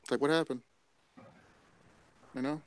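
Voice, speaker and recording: A man's voice: on the high side, fairly even intonation, a little slow, noisy background. A man on a casual livestream panel, throwing in teasing, jokey asides. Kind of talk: casual chat.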